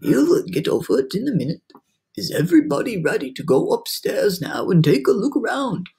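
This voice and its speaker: A woman's voice: medium pitch, wildly swooping pitch, normal speed, creaky, dark tone, voice pushed up. A woman voicing a kindly old male grasshopper in a storybook, reassuring and optimistic.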